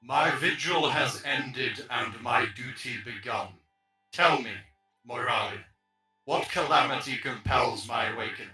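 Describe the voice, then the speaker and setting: A deep pitch-shifted ancient robot guardian, grave and formal, sounds far off in a roomy space. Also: male voice, bright, forceful tone, soft background music. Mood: solemn, grave. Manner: formal, grave, slow delivery. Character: solemn ancient male automaton guardian, newly awoken. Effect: deep pitch-shifting voice changer. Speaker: tabletop game player.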